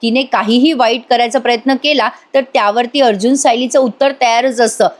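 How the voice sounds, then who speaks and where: A woman's voice: fairly high pitch, steady tone, brisk. A woman giving a casual voice-over review of a TV serial, chatting directly to viewers.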